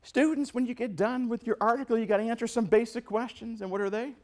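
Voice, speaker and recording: A very high-pitched, quick-talking man from New York delivers a lively motivational speech to a business meeting. He throws questions at the audience and performs quotes as he goes.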